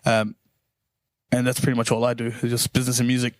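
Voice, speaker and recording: A man's voice: medium pitch, completely flat delivery, fast, no echo. A man with a New Zealand accent talks as a guest in an easygoing chat. His delivery is laid-back and conversational, with a dry, close sound. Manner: laid-back, often adds "you know". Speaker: interview guest, musician. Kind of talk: casual chat.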